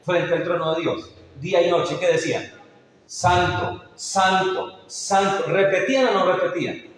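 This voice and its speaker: A man's voice: on the high side, a little fast. A man preaching a sermon as pastor, calling his listeners brother and asking them questions. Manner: addresses listeners as brother, asks rhetorical questions. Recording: echoey hall, voice from far off.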